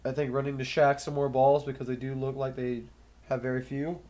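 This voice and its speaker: This young sports commentator has a slightly nasal, stuffy voice from a cold, mid-range and warm, with a level tone and a fairly quick pace. He calls a match play by play by himself, keeping it casual and musing aloud between points.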